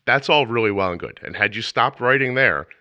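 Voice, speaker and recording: A man's voice: mid-range voice, lively intonation, fairly quick, pushed and bright, no echo, lo-fi sound. A man hosting a podcast interview in a casual, rambling way, often restarting his sentences as he tells a story. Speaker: podcast host.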